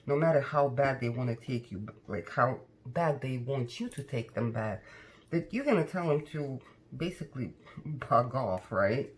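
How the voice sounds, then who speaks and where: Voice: medium pitch, lively intonation, a little slow, a little hiss or hum. A tarot card reader talking casually to viewers in a conversational, cautioning way, often tagging questions onto statements.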